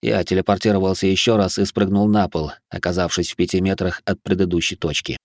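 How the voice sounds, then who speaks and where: A man reading a first-person audiobook in steady scripted narration. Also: deep voice, a little fast, no echo, studio quality.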